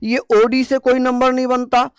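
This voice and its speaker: Dry-voiced teacher drilling with call-and-response. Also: male voice, extremely high pitch, flat delivery, moderate pace, smooth, no room sound. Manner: repeats questions and answers them himself in a call-and-response way; playful, jokey mnemonics with scolding asides. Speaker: exam-prep teacher. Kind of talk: online coaching class lesson.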